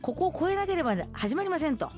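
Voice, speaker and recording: A woman's voice: very high-pitched, expressive, fast, music in the background. A woman radio host with a Kumamoto accent, reading listener mail and bantering in playful, laughing chat. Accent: Kumamoto dialect. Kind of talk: lively casual radio chat.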